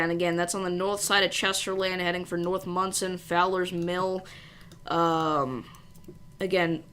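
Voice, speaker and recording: A woman with a slightly low voice gives live weather commentary. She hosts the stream informally, reading out alerts and thinking aloud. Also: a bit bright, smooth. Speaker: storm livestream host.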